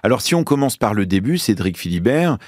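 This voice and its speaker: Low-voiced man hosting a podcast. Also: big pitch swings, brisk, a little mellow. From Lebanon. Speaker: podcast host. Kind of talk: scripted podcast narration.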